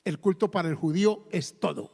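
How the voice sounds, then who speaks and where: A man's voice: a little high, brisk, creaky, darkish tone, slightly rough. A man in his fifties with a Colombian accent, preaching a sermon emphatically, with exclamations and repeated words. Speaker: pastor. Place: church hall. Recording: long reverb of a church hall.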